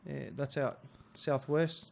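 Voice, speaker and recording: A young Australian man in his twenties, a rugby league player talking as a guest, soft-spoken and halting, with many fillers and restarts. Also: mid-range voice, steady tone, vocal fry. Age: 20s. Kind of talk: casual interview chat.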